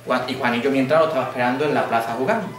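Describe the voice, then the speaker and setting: A middle-aged man telling a folk tale to schoolchildren in a lively, interactive way, with sound effects and questions, recorded from far off in an echoey classroom. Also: medium pitch, rapid-fire, music in the background. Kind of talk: oral storytelling to children.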